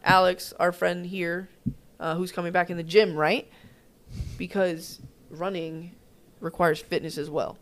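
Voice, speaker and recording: A woman's voice: on the low side, little pitch movement, unhurried. A woman in her thirties, co-hosting a gym podcast in an upbeat, chatty casual conversation. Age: 30s. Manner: chatty, upbeat, trailing off mid-sentence. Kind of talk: casual chat.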